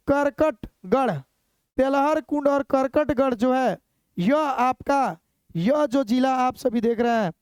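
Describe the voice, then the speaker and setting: A woman's voice: sits high, darkish tone, clean tone, dry recording. A woman teaching an exam-prep lesson, repeating place names again and again as memory drills. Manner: drills terms by repeating them over and over.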